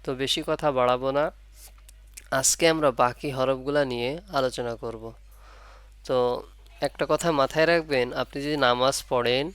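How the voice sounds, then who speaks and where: Clear-voiced Quran reading teacher, man. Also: medium pitch, a bit bright, dry recording. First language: Bengali. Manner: repeats points, asks pupils rhetorical questions; drawn-out demonstration of letter sounds. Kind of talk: online Arabic letter lesson.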